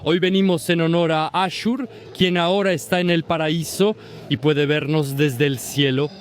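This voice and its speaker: A man's voice: fairly high pitch, steady tone, normal speed, a little hiss or hum. A man in his forties from France speaks fervently in a street interview, repeating his key points for emphasis. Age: 40s. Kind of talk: impassioned street interview testimony. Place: outdoors on a city street.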